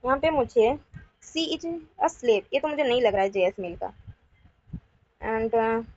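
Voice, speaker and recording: In a dry, dull lo-fi recording, an animated woman teacher with a darkish, fairly high voice solves past exam questions. She reads them out slowly, then explains fast in a blend of Hindi and English, prompting viewers to respond.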